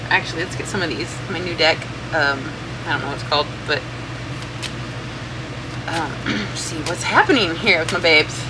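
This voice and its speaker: An informal tarot reader who rambles and thinks aloud, swearing casually, with a fan running in the room. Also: medium pitch. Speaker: tarot reader, channel host. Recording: steady fan noise throughout.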